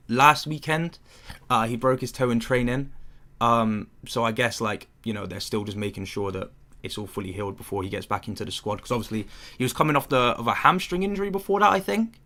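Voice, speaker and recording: A young Englishman hosts a football watchalong, commentating casually, chatting with viewers, answering chat questions, and rambling with fillers. His voice is mid-range with a fairly bright tone.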